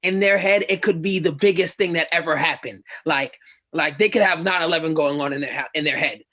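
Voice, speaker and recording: A man's voice: on the high side, a little fast, pushed and bright. A young man on a discussion panel, talking casually and filling his speech with "like" over and over. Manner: casual, fills with "like" constantly.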